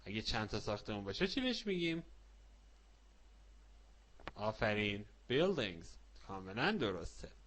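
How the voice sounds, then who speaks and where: A man teaching a children's language lesson, repeating each word slowly and asking the listener questions, then praising the answers. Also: medium pitch, a bit bright.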